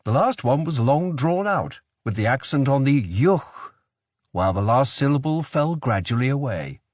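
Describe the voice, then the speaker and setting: A man giving a steady, measured scripted narration of a thriller audiobook. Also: mid-range voice, no echo, clean studio sound.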